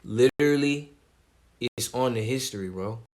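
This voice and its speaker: A man streaming live, talking casually in a calm, laid-back way with plenty of slang. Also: mid-range voice, normal speed. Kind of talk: casual livestream commentary.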